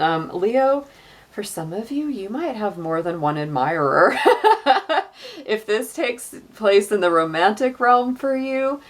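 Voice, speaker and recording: A middle-aged woman giving a casual tarot reading, chatty, with frequent laughs and many "you know" and "like" fillers. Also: on the low side. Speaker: tarot reader.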